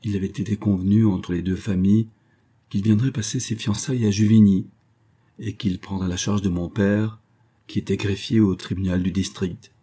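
Brief: male reader voicing an old spinster, gruff turning wistful, deep and husky. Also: steady tone, moderate pace. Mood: reminiscing. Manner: gruff voice softening into wistful confiding. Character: stern old spinster neighbor, secretly sentimental. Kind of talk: audiobook reading.

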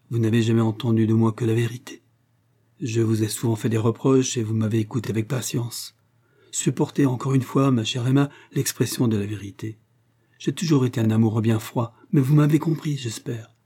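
A man reading an earnest, grave gentleman suitor. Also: mid-range voice, steady tone, moderate pace, slightly rough, close to an everyday voice. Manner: grave and earnest, rising in warmth. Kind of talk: audiobook character reading.

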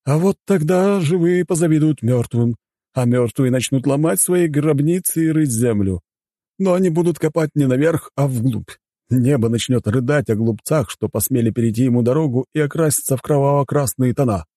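A man voicing a composed young male hotel butler who speaks calmly and courteously with a faint menace, in an audiobook. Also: medium pitch, brisk, husky, no echo, studio quality, voice pushed up. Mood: ominous.

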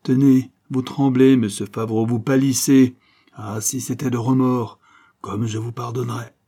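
A man's voice: medium pitch, little pitch movement, a little slow, dark tone, lightly acted. A man reading aloud voices a proud, desperate countess defending her husband and children, pleading with dignity.

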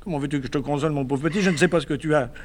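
A man's voice: fairly high pitch, racing, a little hiss or hum, lightly acted. A man playing a naive, doting man who fusses tenderly over a woman, in a 1950s stage comedy recording. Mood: consoling. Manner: tender, fussing and chattering. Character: doting, fussy, naive middle-aged man.

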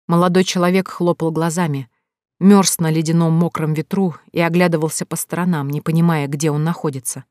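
A woman reading a fantasy audiobook in calm, even storytelling narration. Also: sits low, a little fast, no echo, studio quality. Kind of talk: scripted narration.

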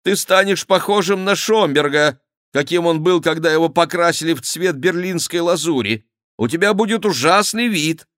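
A man voicing a hysterical, furious middle-aged French king who shouts in drawn-out outbursts. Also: a little high, no echo, studio quality, voice pushed up, lightly acted. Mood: pleading.

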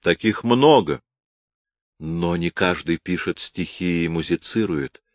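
A man's voice: deep voice, animated, slow pace, no echo. A man voicing a cunning, mocking count in a historical audiobook. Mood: sly.

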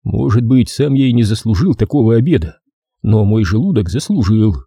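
A man narrates a detective story in the first person, in a lively, ironic style with plenty of movement in his pitch. His voice is very dark and mellow with a husky grain. The recording is dry and close. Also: brisk, no echo. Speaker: audiobook reader. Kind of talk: scripted narration.

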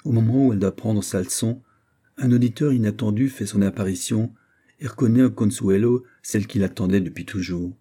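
A man reading a classic novel aloud as an audiobook, calm and even. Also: fairly low pitch, brisk. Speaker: audiobook narrator.

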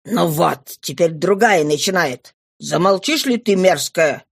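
A woman's voice: on the low side, lively intonation, measured pace, vocal fry, slightly rough, dry recording, clean studio sound, voice pushed down, heavily acted. A woman voicing a harsh, mocking male police inspector who barks orders, in a storybook reading. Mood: scornful, commanding. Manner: barking, scornful.

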